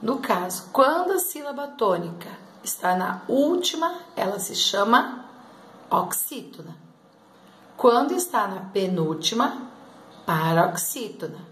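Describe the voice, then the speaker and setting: A woman's voice: fairly high pitch, very animated, a little slow, a bit bright, a little hiss or hum. A woman teacher giving a grammar lesson, explaining step by step and often checking in with her students. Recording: echoey room.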